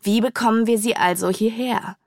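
A woman's voice: on the high side, steady tone, moderate pace, darkish tone, dry recording, studio quality, pitched above the performer's own voice, lightly acted. A woman reading a doubtful, questioning sage in an audiobook. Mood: skeptical.

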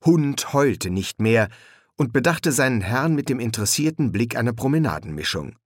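A man narrating a novel as an audiobook, in measured, expressive storytelling. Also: medium pitch, dry recording, studio quality. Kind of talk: audiobook reading.

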